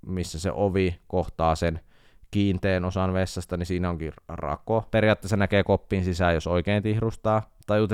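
Low, smooth-voiced man telling a wry story. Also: no room sound, clean studio sound. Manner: wry, self-mocking storytelling with animated outbursts. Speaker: podcast host. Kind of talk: casual comic monologue.

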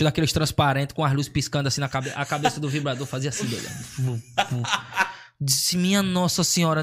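A man with a fairly high voice rattles through a comic story at a rapid clip. He is slangy and animated, slipping into the voices of the people he quotes. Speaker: comedian. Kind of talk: casual storytelling chat.

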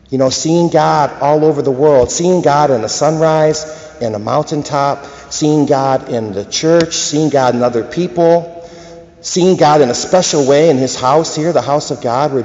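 A male priest reading the Gospel and preaching at Mass in a measured, gentle way with small restarts, his voice ringing in a cathedral echo. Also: medium pitch. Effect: cathedral echo, long church reverb. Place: large church during Mass. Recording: echoey church hall, dull muffled sound.

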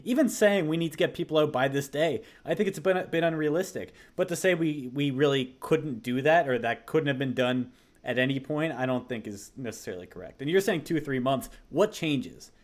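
A man co-hosting a casual politics podcast, arguing his side in a measured way. His voice sits a little high. He often concedes a point before laying out his own view. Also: expressive. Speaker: podcast co-host.

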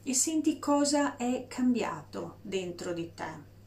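Woman, meditation guide, unhurried delivery, soft and calming, long pauses. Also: medium pitch.

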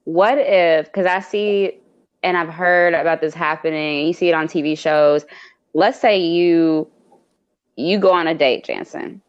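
A woman's voice: fairly low pitch, fairly even intonation, measured pace, clear, resonant tone, no echo, muffled recording. Blunt, teasing woman, dry close sound. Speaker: podcast host. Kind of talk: casual chat.

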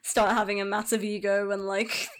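A woman co-hosting a casual chat about films, animated and laughing often as she talks. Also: mid-range voice, normal speed.

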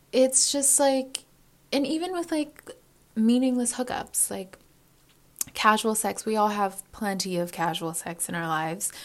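A woman in her early twenties, chatting candidly to camera as a vlogger, rambling and full of fillers as she thinks aloud. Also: medium pitch. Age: early 20s. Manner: candid and reflective. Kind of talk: casual confessional chat.

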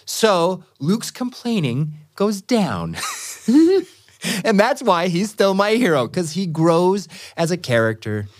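A middle-aged man hosting a casual pop-culture chat. His pitch swings widely as he talks, and he lands his points with playful, animated emphasis. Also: slow. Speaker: podcast host.

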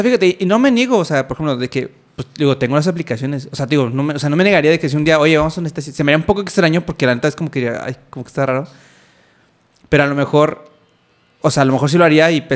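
A man with a Mexican accent chatting casually, telling stories animatedly with lots of fillers. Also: fairly high pitch. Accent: Mexican Spanish. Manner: fast, animated storytelling with many fillers. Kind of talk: casual chat.

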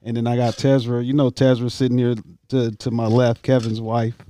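A man's voice: medium pitch, flat delivery, fairly quick, warm tone. A man hosting a podcast in a casual, easygoing and rambling way. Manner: easygoing, laughs often, rambling. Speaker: podcast host, realtor.

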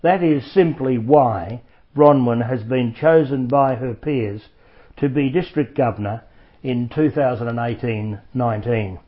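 A man's voice: medium pitch, unhurried. A man hosting a community radio interview, giving formal, effusive introductions. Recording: dull lo-fi radio recording.

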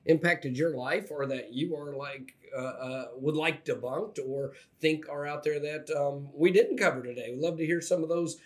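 A man co-hosting a casual podcast chat, talking in halting bursts full of fillers and restarts. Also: fairly high pitch. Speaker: podcast co-host.

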